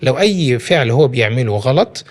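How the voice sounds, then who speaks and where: A man's voice: medium pitch, animated, brisk. A man with an Egyptian accent, a guest talking about parenting, explaining with everyday examples and frequent restarts. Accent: Egyptian Arabic. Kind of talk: casual studio conversation.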